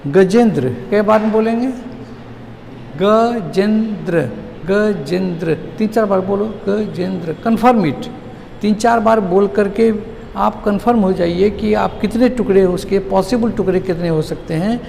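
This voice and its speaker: A man teaching a classroom English lesson, drilling words slowly syllable by syllable and asking the class questions. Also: sits high, vocal fry, a little mellow, big-room sound, a little hiss or hum.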